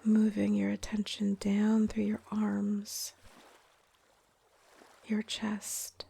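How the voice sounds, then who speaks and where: Her voice is whispery and breathy, mid-range and mellow, as this yoga teacher guides a soft-spoken meditation. She speaks gently and unhurriedly, keeping her delivery very even and pausing at length to soothe and calm.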